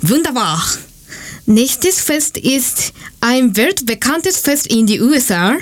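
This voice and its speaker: Casting note: Japanese woman, slightly high voice, slow, careful, scripted learner's delivery. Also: very animated. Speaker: student presenter. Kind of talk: read-aloud presentation.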